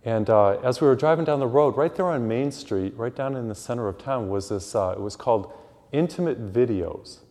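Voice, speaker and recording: Priest preaching with long church echo. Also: male voice, mid-range voice, moderate pace, mellow. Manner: conversational preaching with homely asides. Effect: long church reverb. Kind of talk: sermon with gospel reading. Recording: echoey church hall reverb.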